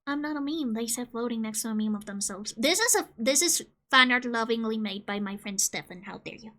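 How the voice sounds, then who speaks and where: This casual stream features a Colombian woman joking and reading game questions aloud, her voice a little high and fairly quick, punctuated by abrupt loud squeals.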